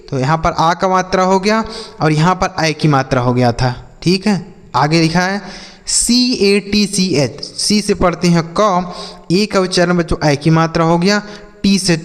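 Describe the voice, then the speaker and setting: A man's voice: on the high side, in a large hall. A man teaching English reading step by step. He asks his students questions and answers them himself. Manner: addresses students as kids and brother. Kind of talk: classroom-style phonics lesson.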